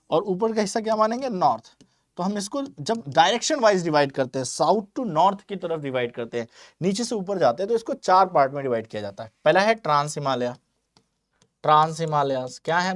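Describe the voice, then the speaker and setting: A man's voice: on the high side, dry recording, studio quality. Male tutor quizzing his class. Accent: Hindi. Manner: repeats points with quiz-style questions; mixes English terms into Hindi. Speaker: teacher. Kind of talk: exam-prep geography lecture.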